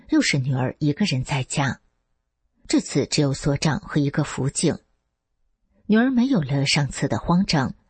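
A woman reading a first-person story aloud, acting out the quoted dialogue with a husky voice. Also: dry recording. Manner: acts out quoted dialogue with raised, lively pitch. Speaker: narrator.

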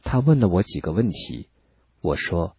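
A man calmly reading a first-person account as scripted narration, measured and steady. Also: low-pitched, slightly rough, dry recording. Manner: calm, measured storytelling.

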